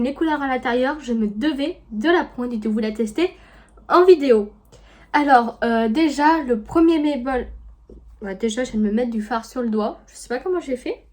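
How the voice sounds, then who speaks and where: Chatty high-voiced woman. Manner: chatty, many fillers, slows to a soft murmur while applying. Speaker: beauty vlogger. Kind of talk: casual makeup tutorial.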